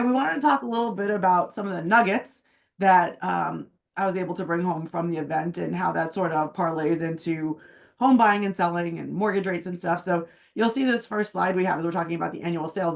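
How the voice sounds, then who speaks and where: A woman real estate agent with a hoarse, phlegmy voice, chatting casually about the housing market. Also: on the low side, brisk. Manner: chatty, uses many fillers. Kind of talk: casual market update chat. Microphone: video call.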